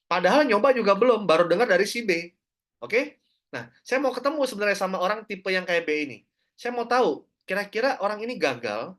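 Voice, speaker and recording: A man giving a motivational network marketing talk, speaking straight to his listeners and acting out the voices of people he quotes. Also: sits high. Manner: animated, acts out quoted voices, addresses listeners directly.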